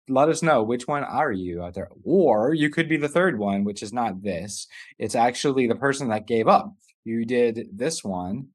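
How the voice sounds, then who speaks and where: A man hosting a live online business masterclass, talking loosely and often rephrasing mid-sentence. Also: mid-range voice. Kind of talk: live online teaching session.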